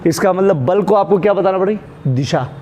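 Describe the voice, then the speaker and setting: High-voiced man teaching physics. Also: brisk, mellow, a little hiss or hum. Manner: repetitive, asks students questions and answers them; calls students "beta" and "bhaiya", handles props while explaining. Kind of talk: classroom lecture.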